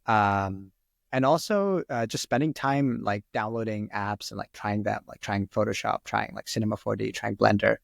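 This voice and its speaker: This podcast guest is a Sri Lankan man in his twenties who grew up speaking Arabic, and he meanders through his answers with plenty of "like" and "um." He has a fairly low, gravelly voice and speaks at a moderate pace, captured in clean studio sound without any room echo.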